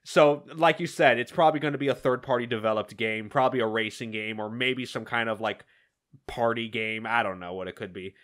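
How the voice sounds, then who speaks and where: A man's voice: medium pitch, fairly quick, a bit bright. A young man co-hosting a casual news and reaction show from home on a video call. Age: young adult. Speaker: co-host.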